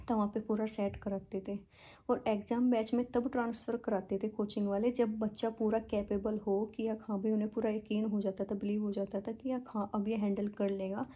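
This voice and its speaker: A woman's voice: medium pitch, dark tone, slightly rough. A young woman from India telling a casual, chatty vlog story, with many fillers and English words mixed into her speech. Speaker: vlogger.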